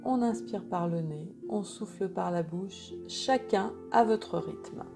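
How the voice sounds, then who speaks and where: A woman leads a guided meditation in a calm, gentle, soothing way, unhurried and with pauses. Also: medium pitch, gravelly, music in the background.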